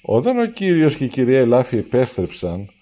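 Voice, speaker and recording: A man reading a children's storybook aloud, lively and acting out the characters' lines. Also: mid-range voice. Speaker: storybook reader.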